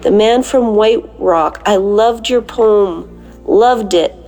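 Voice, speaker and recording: A woman with a gravelly whiskey voice, hoarse from a cold, leaving an informal prayer message as a caller. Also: mid-range voice, takes it slowly, mellow, soft background music. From Canada. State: has a lingering cold.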